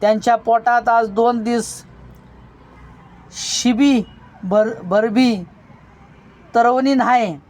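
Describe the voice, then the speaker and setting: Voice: medium pitch, fairly even intonation, darkish tone. A reader voicing a desperate pleading father. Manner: pleading, halting with slips. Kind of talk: storybook reading.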